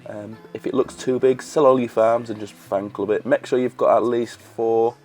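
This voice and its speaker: A man's voice: mid-range voice, moderate pace, faint music behind. A man losing his voice, giving casual running commentary over a strategy game he is playing. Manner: relaxed slangy running commentary. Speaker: gaming video creator.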